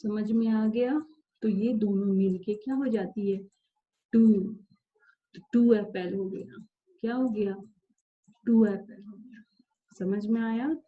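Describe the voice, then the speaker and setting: A woman's voice: mid-range voice, steady tone, slow pace, pauses often, narrow, tinny audio. A woman teaching a math lesson patiently, step by step, often repeating herself, counting aloud and checking that the class understands.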